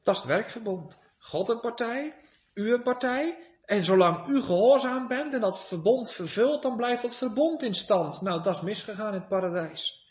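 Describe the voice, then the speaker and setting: High-voiced preacher swinging loud and soft. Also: male voice, lively intonation, moderate pace. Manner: rises to loud emphatic pleading, drops to soft near-whisper. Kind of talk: sermon.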